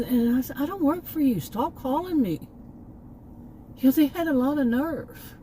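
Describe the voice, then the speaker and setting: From a car parked by a park, a middle-aged Texan woman vlogs casually in her Texas accent, telling a long, emphatic story about a bad experience. Her voice sits on the high side and sounds mellow, though the recording is rough with slight background noise. She comes across exasperated, rambling and full of asides.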